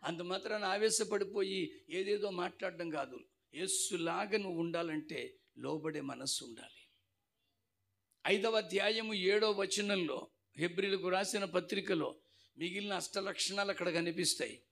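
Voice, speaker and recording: Male pastor, high and gravelly, animated storytelling sermon. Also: normal speed. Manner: animated storytelling, acts out voices.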